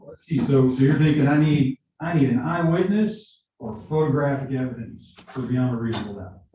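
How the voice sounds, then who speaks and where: A man's voice: mid-range voice, fairly quick, mellow, very echoey, far from the mic, lo-fi sound. A man questioning potential jurors in a conversational, explaining way, often repeating his words. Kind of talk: jury selection questioning. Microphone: video call.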